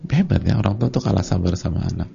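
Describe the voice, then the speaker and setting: A man giving a casual, colloquial religious lecture, telling lively stories and acting out short dialogues. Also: low-pitched, fast talker, gravelly, slightly rough. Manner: colloquial and conversational. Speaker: Islamic preacher. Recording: dull lo-fi lecture recording.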